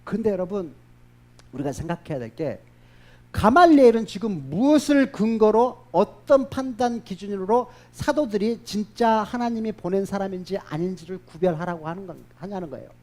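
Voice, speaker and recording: Man preaching a lively sermon. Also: high-pitched, moderate pace. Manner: lively storytelling, acting out quoted voices. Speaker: pastor.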